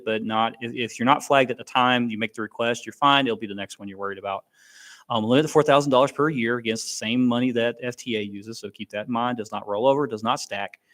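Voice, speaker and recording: A man leads an informal briefing in a mid-range voice. He explains rules plainly and often pauses on ums or restarts a phrase. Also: mid-range voice, a bit bright. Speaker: education benefits briefer.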